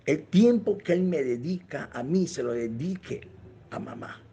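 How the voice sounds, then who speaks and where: A man's voice: a little high, expressive, a little slow, dark tone, husky, lo-fi sound. A pastor retelling the words of a young man who fears his parents will divorce, quoted in an earnest, pleading way. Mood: tearful. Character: tearful teenage boy fearing his parents' divorce.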